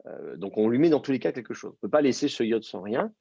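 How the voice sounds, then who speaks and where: A man's voice: mid-range voice, sing-song, fast talker, creaky, mellow, husky, dry recording, highs cut off. A man teaching a language class, explaining step by step and quizzing his student. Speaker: Hebrew teacher. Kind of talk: live class instruction.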